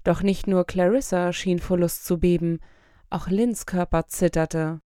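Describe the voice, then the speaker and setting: Woman, audiobook narrator, calm measured reading, lowish voice, dry close studio sound. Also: dry recording. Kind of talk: scripted narration.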